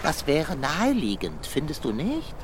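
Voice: medium pitch, wildly swooping pitch, normal speed, heavy background noise. A performer voicing a talkative male tomcat who is wordy, fussy and easily flustered, in a radio play. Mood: reasoning.

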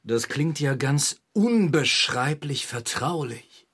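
A husky, lovestruck cartoon villain. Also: male voice, on the high side, lively intonation, takes it slowly, fairly bright tone, full character voice. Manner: syrupy, exaggerated romantic endearments. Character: villainous rust-beam bike wrecker, lovestruck man. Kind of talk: children's audio play.

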